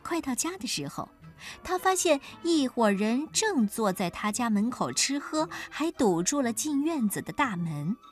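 A woman narrating a children's folk tale in an expressive storytelling manner. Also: fairly high pitch, a little slow, soft background music.

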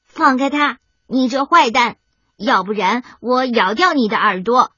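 A bold, cheeky talking bone, played by a woman reading a storybook, that blusters loudly. Its breathy voice leaps around. The recording is dull and lo-fi with faint music. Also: high-pitched, expressive, moderate pace, dry recording, full character voice. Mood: blustering. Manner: loud, blustering.

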